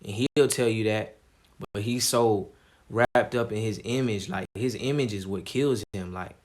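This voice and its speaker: A man streaming live, talking casually in a calm, laid-back way with plenty of slang. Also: on the low side, a little slow. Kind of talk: casual livestream commentary.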